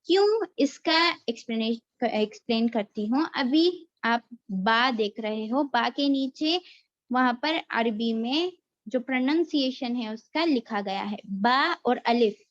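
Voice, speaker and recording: A woman's voice: fairly high pitch, lively intonation, slow. A woman teaching letter reading, patiently explaining and drawing out each sound so students can follow. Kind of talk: slow explanatory lesson with drawn-out letter recitation. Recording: dull lo-fi recording.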